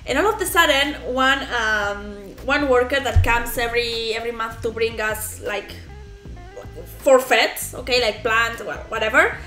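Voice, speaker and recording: This reaction video host, a woman in her thirties with a high voice, tells a casual story to camera in an animated way, gesturing a lot, laughing often and restarting haltingly. She's in a small room at home with plants behind. The audio is poor and reverberant, with soft background music.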